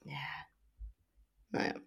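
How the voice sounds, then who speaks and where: A young woman co-hosting a podcast, recapping a reality show in casual chat, talking briskly and laughing between points.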